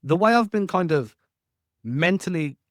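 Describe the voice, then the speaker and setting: A man's voice: sits high, animated, unhurried, no room sound, clean studio sound. A man hosting a sports podcast, asking long winding questions and laying out his own analysis with self-deprecating asides. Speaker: podcast host.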